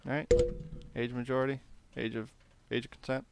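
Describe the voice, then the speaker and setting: A man's voice: medium pitch, flat delivery, normal speed, gravelly, very noisy. A man hosting a podcast in casual chat, joking crudely and swearing a lot. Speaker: podcast host.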